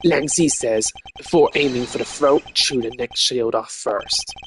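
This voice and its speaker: A man's voice: medium pitch, a little slow, fairly bright tone, a little hiss or hum, close to an everyday voice. Man voicing cocky Interpol agent Lang. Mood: triumphant. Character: confident, swaggering male Interpol agent, proverb-quoting detective.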